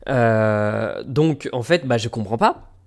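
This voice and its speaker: A man's voice: slow pace, creaky. A man streaming, casually telling a story to his chat and acting out the people he met. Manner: animated, acts out quoted people with jumps in pitch.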